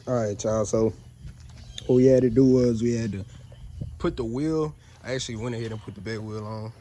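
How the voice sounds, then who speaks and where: A man in the middle pitch range speaks fairly quickly as he works on a truck outdoors, giving easygoing how-to narration for his DIY repair channel and pointing out parts. The phone video is noisy.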